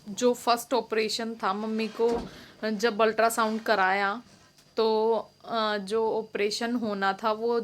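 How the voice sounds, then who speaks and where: A woman's voice: on the high side, fairly bright tone, a little hiss or hum. A young woman talking casually in a home vlog, explaining at length with many fillers and restarts. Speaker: vlogger.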